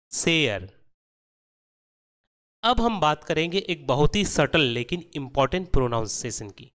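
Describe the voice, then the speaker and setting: A man narrating a scripted pronunciation lesson, explaining rules slowly and drawing out each example word. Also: medium pitch, fairly bright tone. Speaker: English pronunciation teacher.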